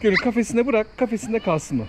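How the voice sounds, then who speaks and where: A man's voice: high voice, animated, fast talker. Firm, matter-of-fact man outdoors. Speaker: father in family vlog. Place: outdoors by a pool. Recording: noisy outdoor recording.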